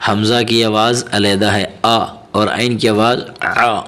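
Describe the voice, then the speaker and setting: A man with a Pakistani Urdu accent teaching Quran reading, patient and encouraging, spelling out syllables slowly and then explaining quickly. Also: fairly low pitch, level tone, fairly bright tone. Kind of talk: teaching lesson.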